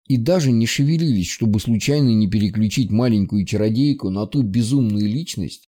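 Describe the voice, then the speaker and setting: A man narrating a fantasy audiobook in an even, measured way. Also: medium pitch. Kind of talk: scripted narration.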